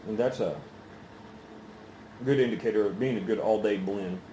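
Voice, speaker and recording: A man chatting casually through a solo review in an unhurried, halting, rambling way, with pauses. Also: on the low side, mellow. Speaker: pipe tobacco reviewer. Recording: roomy echo, faint background noise.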